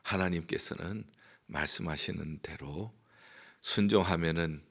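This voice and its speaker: A male pastor preaching a sermon, telling a story with lively rises and drops in his voice. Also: unhurried, creaky. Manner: animated storytelling with dramatic rises in pitch and volume.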